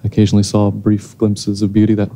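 Soft-spoken man answering on stage. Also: fairly low pitch, monotone, fast talker, a little hiss or hum. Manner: thoughtful, hesitant, many restarts. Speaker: filmmaker answering audience questions. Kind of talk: post-screening Q&A. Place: theater stage with panel. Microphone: handheld mic.

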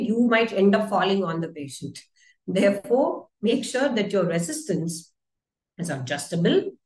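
A woman giving an online lecture to therapy students, talking it through in a relaxed, chatty way and checking in with rhetorical questions. Her voice sits at an ordinary middle pitch. The computer mic picks up a noticeably echoey room around her. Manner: conversational teaching with rhetorical questions. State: voice dry, briefly croaky. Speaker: physiotherapy lecturer. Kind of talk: webinar lecture.

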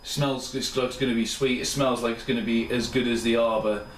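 The beer reviewer, a tired man in his thirties, moves fairly quickly through his casual, enthusiastic ramble, his medium-pitched voice holding fairly even intonation. In his small home kitchen, a camera mic a few steps away captures roomy, distant sound with a little hiss or hum.

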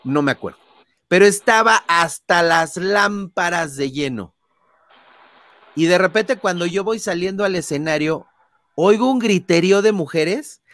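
Animated Mexican man telling stories. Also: high-pitched, measured pace, no room sound, clean studio sound. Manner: animated, acts out scenes with sound effects; frequent tag questions and fillers. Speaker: guest, son of a famous singer. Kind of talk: casual interview storytelling.

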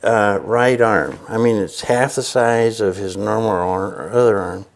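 In an indoor workshop with a pegboard wall, an older missionary raised in Chile shares his story during a casual interview, recorded on a lapel mic. His gravelly voice sits on the low side and he takes his time. He laughs while acting out his own reactions.

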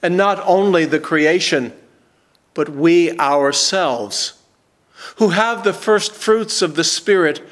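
A sixty-something pastor prays and reads from scripture in a church sanctuary, his delivery deliberate, slow and emphatic. His pitch is on the high side.

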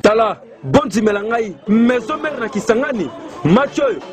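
A man's voice: very high voice, very animated, measured pace, soft background music, a faint crowd. A man narrating a news report voice-over in Lingala with French words. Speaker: news presenter.

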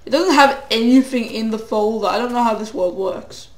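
This gamer is a teenage boy with a cold, his high-pitched voice turning hoarse as he speaks at a moderate pace in an echoey room. He rambles and puts himself down while playing, slipping in sing-song asides.

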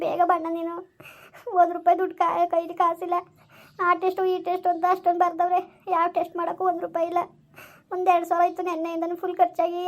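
; a woman plays a pleading young sister, rapid speech, amateur village drama. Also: very high voice, muffled recording. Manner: pleading, anxious.

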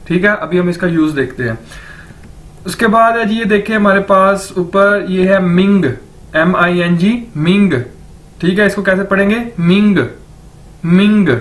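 A man with a Pakistani Urdu accent teaching a language lesson, drilling each word by repeating it slowly and checking that students follow. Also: high voice, a bit bright. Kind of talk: classroom lecture.

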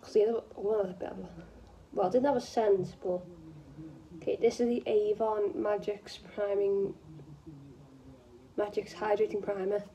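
This young vlogger from northwest England rambles self-deprecatingly to camera while doing makeup indoors at home, filmed on a phone propped close by. She speaks at a moderate pace in a dark, mid-range voice with little pitch movement and long pauses. The recording is rough, with a little hiss or hum.

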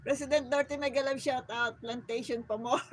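A woman's voice: high-pitched, fairly even intonation, normal speed, husky, poor audio. A middle-aged Filipino woman hosting a live stream, chatting playfully with viewers, laughing often and mixing Tagalog and English. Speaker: livestream host. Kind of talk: live stream chat reading viewer comments.

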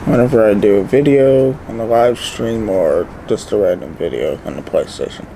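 A man casually reviewing a tobacco product with dip in his lower lip, drawn-out and laid-back, repeating words. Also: creaky, mellow, a little hiss or hum, rough recording.

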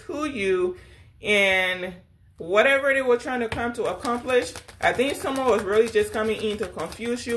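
A woman's voice: medium pitch, slight background noise. A woman giving a casual spiritual tarot reading, sassy and direct, calling the listener honey and baby. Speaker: tarot reader.

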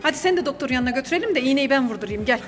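A woman's voice: high-pitched, expressive, rapid-fire, in a large hall, heavy background noise. A woman hosting a family vlog skit, teasing and coaxing a child in a bossy, playful way. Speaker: vlog host playing a mother.

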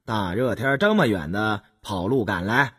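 A man reading an audiobook voices a carefree young imperial prince who talks in a lively, chatty way. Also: lowish voice, unhurried, husky, pitched below the performer's own voice, exaggerated voice.

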